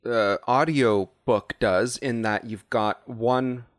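A man's voice: medium pitch, fairly even intonation, slow pace, no room sound. Chatty young man, dry close sound. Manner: chatty, laughs often, hesitant fillers. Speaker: podcast co-host. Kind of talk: casual chat.

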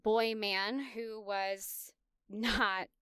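A thirtysomething woman hosts a podcast, sharing her own story in a candid, confessional, self-reflective monologue. Her medium-pitched voice is steady and a bit bright and smooth, and she draws out her words. The recording is dry and of studio quality.

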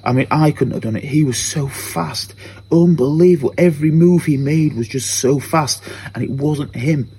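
An earnest man gives a spoken church testimony in a mellow, warm voice, circling back to repeat his phrases as he tells it. Faint noise sits under the recording. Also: a little high, moderate pace. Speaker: church member giving a testimony.

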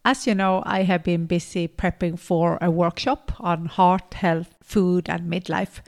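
A woman's voice: fairly low pitch, little pitch movement, unhurried, gravelly. A woman co-hosting a podcast, chatting casually and enthusiastically, laughing often. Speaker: podcast co-host.

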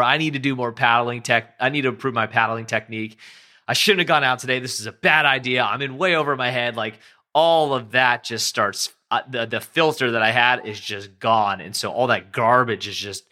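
A young man hosts his own podcast alone, speaking in a slightly low voice with a bright, forceful edge. He talks in a loose, rambling way, correcting himself often and filling gaps with "um" and "you know." He swears casually now and then. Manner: rambling, self-correcting, with frequent fillers and casual cursing. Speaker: podcast host. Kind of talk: casual solo podcast talk.

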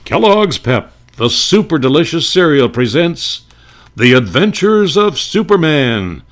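Older man doing a booming old radio announcer. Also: big pitch swings, measured pace. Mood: dramatic.

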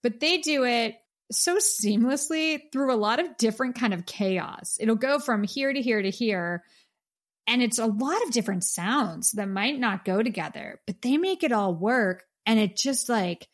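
A woman with a slightly high voice gushes about a song on a casual music podcast. She talks with eager, excited enthusiasm as she co-hosts. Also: measured pace. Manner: enthusiastic, gushing. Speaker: podcast co-host. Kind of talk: casual music review chat.

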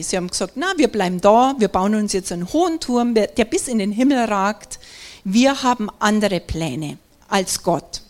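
A woman delivering a sermon at an unhurried pace. Her voice sits a little high, and she talks earnestly and conversationally, often asking her listeners questions. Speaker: preacher. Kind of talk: sermon with prayer and scripture reading.

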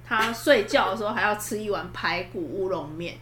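A woman's voice: mid-range voice, normal speed, a bit bright, a little hiss or hum. A woman chatting casually as a podcast co-host, telling stories in a rambling way and restarting her sentences often. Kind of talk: casual chat, storytelling. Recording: roomy room echo.

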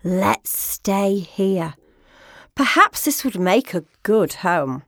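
A woman's voice: mid-range voice, expressive, takes it slowly, a bit bright, dry recording, studio quality, heavily acted. Finn, a woman doing an eager frog. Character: adventurous, eager little male frog.

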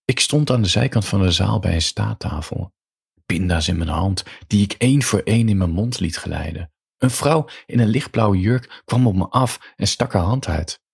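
A man softly reading his own short story aloud as a slow bedtime tale, close to the mic. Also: dry recording. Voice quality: deep gravelly voice. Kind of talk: intimate storytelling narration.

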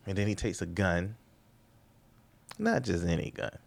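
A man's voice: low-pitched, wildly swooping pitch, a little slow, creaky. A man, a comedian hosting his own podcast, rambling through a comedic monologue with sarcastic asides and rhetorical questions.

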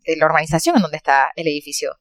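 A woman's voice: sits low, very fast, no room sound, clean studio sound. A woman in her thirties with a Panamanian Spanish accent, chatting as a podcast co-host and telling anecdotes with frequent laughter. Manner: lively, laughs often, acts out quotes. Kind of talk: casual chat, storytelling.

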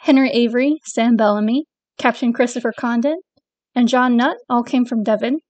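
A woman from northern England hosting a podcast, reading prepared segments in a measured, informative way. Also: on the high side, darkish tone, no room sound, highs cut off. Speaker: podcast host. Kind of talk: scripted podcast narration.

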